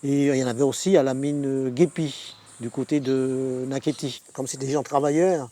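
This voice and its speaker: A man's voice: medium pitch, fairly even intonation, moderate pace, warm tone. A man giving spoken testimony in a hesitant way, repeating words as he goes. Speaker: interviewee.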